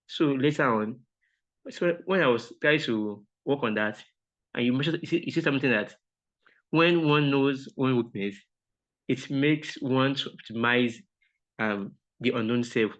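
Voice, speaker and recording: Speaking at normal speed in a fairly bright, medium-pitched voice, a man in a mentorship program reflects politely and hesitantly on a video call, restarting many times. Yoruba is his first language, and the call audio is dull and lo-fi.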